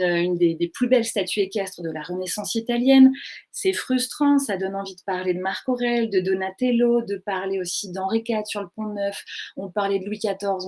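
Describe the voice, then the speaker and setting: A woman's voice: medium pitch, a little mellow. A woman giving an art history lecture online, chatty and full of fillers and self-corrections as she answers viewer questions. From France.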